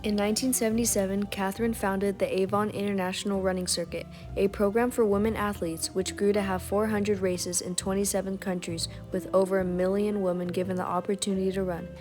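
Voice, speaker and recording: A woman reading scripted documentary narration in a steady, read-aloud way. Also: medium pitch, a little fast, few pauses, faint music behind.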